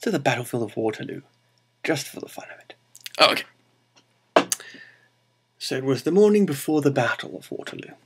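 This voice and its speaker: A man's voice: medium pitch, creaky, breathy edge. A man hosting a show and telling an improvised comic story, rambling, correcting himself and making playful asides.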